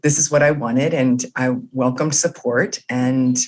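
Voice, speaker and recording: A woman, a leadership author and coach, explaining her ideas earnestly and warmly as an interview guest. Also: very deep voice, fairly even intonation, unhurried.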